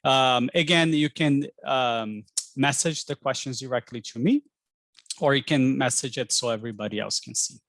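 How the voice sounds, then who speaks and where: Man, 40s, webinar host: mid-pitched, casual and friendly, lots of ums, dry close sound. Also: normal speed, a bit bright, no room sound. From Brazil. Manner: chatty, friendly, frequent ums. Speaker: admissions director hosting an info session. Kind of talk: webinar presentation. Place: home pottery studio. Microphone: video call.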